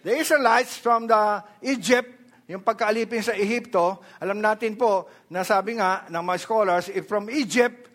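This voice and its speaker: Animated high-voiced Filipino preacher man. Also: moderate pace. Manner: animated preaching, mixing Tagalog with English, asking the congregation questions. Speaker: pastor. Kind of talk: sermon.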